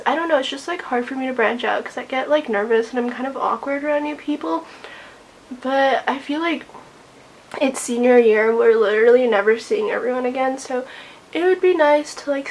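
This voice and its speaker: A teenage girl vlogs casually into a handheld camera held at arm's length, peppering her talk with "like" and sounding a little self-conscious. She starts in her bedroom, then moves to a car and outdoors. Her voice is high-pitched, and the low-quality recording carries slight background noise.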